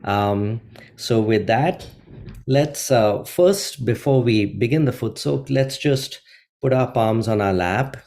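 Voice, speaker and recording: A middle-aged man from India hosting a guided meditation, talking gently and unhurriedly with many ums and uhs. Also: medium pitch, takes it slowly. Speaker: meditation host.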